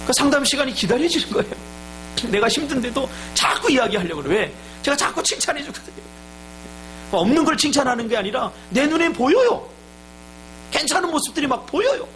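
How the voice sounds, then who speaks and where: High, lively Korean pastor preaching. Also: male voice, fairly quick, a little hiss or hum, low-quality recording. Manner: storytelling sermon, acting out dialogue and shouts. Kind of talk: sermon.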